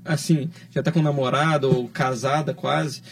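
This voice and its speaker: A man's voice: medium pitch, fairly even intonation, moderate pace, vocal fry. A man with a Brazilian Portuguese accent, a plastic surgeon hosting a podcast, friendly and earnest as he explains. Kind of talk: casual podcast chat.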